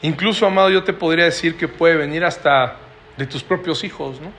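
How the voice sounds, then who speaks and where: A man preaches in a chatty sermon style, often asking his listeners short questions. His voice sits a little high for a man. A faint hiss runs under the recording. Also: fairly quick, a bit bright. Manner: conversational preaching, tag questions, acts out quoted voices.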